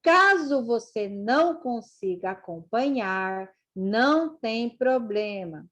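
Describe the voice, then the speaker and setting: A woman teacher leads a literacy lesson for young children. She pronounces each syllable and word very slowly and clearly, and her fairly high voice rises and falls in a lively, animated way. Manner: slow, drawn-out syllables and words, as if read aloud to children.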